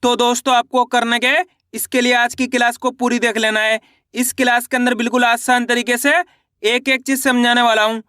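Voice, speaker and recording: A man's voice: extremely high pitch, little pitch movement, moderate pace, sharp tone, smooth, no room sound, clean studio sound. A man teaching a beginner class, asking questions and answering them himself, over and over. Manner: repetitive, asks and answers own questions. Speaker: Hindi teacher. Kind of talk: online lesson.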